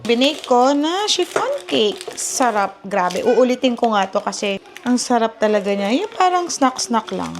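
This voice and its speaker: A woman's voice: on the high side, sing-song, a little slow, slight background noise. A woman in her thirties from the Philippines, chatting casually as a vlogger in her home kitchen and mixing Tagalog and English. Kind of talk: casual vlog chat. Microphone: small handheld camera. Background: background music.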